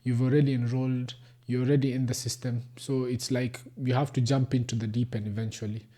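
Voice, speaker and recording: This young Kenyan man, a doctor and podcast guest, speaks Kenyan-accented English in a casual conversation, patiently explaining and mixing in Swahili phrases. His voice is medium in pitch with a dark tone, and he keeps a level tone while speaking a little fast.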